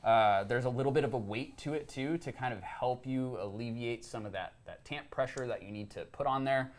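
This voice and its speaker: A young man talks through espresso gear in casual chat, relaxed and easygoing. His pitch sits in a middle range for a man. He fills pauses with ums and uhs as he explains. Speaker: co-host of a coffee gear show.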